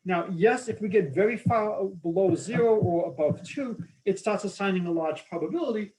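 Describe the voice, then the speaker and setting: Enthusiastic and informal, this Boston-accented mathematics lecturer explains slides in an academic talk, tossing in casual asides. He speaks at a normal speed in a high voice with a darkish tone, and the recording is rough.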